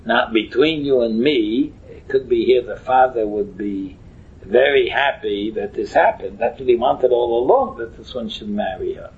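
A man with a Yiddish accent giving an informal religious lesson as a teacher, haltingly explaining a text line by line, repeating and rephrasing as he goes, in a husky, rough voice. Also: mid-range voice, expressive. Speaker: Talmud teacher. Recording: muffled, thin phone-like line.

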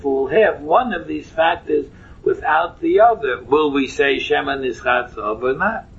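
A very husky man with a Yiddish accent takes his time leading a religious lesson. He halts, repeats himself and rephrases as he explains the text in an informal, storytelling way. The sound is thin and boxed-in, like a telephone connection. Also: mid-range voice. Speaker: Talmud teacher. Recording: muffled, thin phone-like line.

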